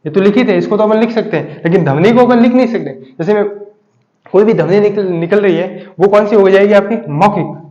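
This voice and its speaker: A man teaching a grammar lesson, who asks each point as a question and then answers it, often dropping low and soft for the answer. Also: a little fast. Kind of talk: classroom lesson. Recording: echoey room, dull lo-fi sound.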